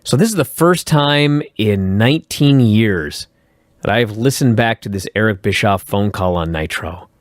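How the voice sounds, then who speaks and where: A man hosting a podcast, recapping old wrestling shows in a profane, animated way and acting out quotes. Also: on the low side, unhurried, dry recording, clean studio sound. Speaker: podcast host.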